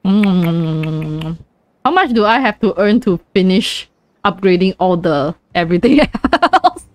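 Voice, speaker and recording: A woman's voice: fairly low pitch, expressive, takes it slowly. A young woman with a Chinese accent, a streamer chatting casually and playfully while she plays, giggling and repeating words in bursts. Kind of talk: casual gaming chat.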